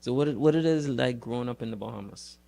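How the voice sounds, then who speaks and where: Man, podcast host, casual interview, laid-back, gravelly voice, short questions. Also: medium pitch, quick pace, dark tone. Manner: laid-back, asks short questions, lots of murmured agreement.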